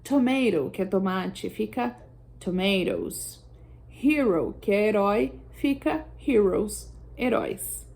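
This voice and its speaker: A woman's voice: medium pitch, animated, unhurried, vocal fry, few pauses, a little mellow. A woman teacher explaining plural rules over slides, patiently checking in with her students. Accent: Brazilian Portuguese. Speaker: English teacher. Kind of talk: slide-based language lesson.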